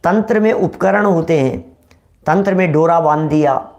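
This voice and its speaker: A man's voice: a little high, normal speed, a little mellow. A man giving a religious discourse, explaining in a repetitive way and addressing listeners familiarly. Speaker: religious lecturer.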